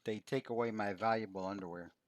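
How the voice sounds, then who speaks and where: A man's voice: on the low side, steady tone, quick pace. A man playing a tabletop game, playful and mock-dismayed. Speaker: player.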